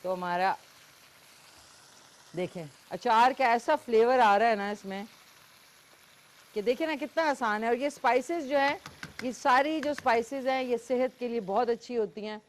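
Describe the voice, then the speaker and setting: A woman's voice: fairly high pitch, normal speed, long pauses, slight background noise. A woman with a Pakistani Urdu accent hosting a live cooking show, chatting as she cooks and takes callers. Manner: chatty, talks while cooking, frequent fillers.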